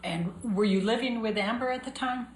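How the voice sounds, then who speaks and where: A woman's voice: on the high side, a little hiss or hum. Woman attorney in an echoey courtroom recording. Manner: brisk, businesslike questioning. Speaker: trial attorney. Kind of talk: courtroom questioning.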